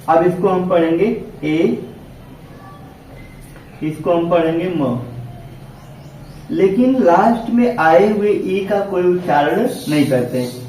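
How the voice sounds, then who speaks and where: A man's voice: high-pitched, a little mellow. A man teaching an English pronunciation lesson in a classroom, repeating "okay" often and asking and answering his own questions. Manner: repetitive, checks in with "ठीक है" constantly, asks and answers own questions. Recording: very echoey room, distant mic, faint noise.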